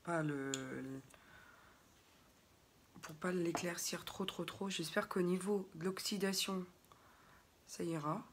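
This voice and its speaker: A young French woman from France, a beauty vlogger, chats casually with her viewers during a makeup tutorial, often wandering off into asides. Her voice is on the low side and slow, with long pauses, and there's background noise.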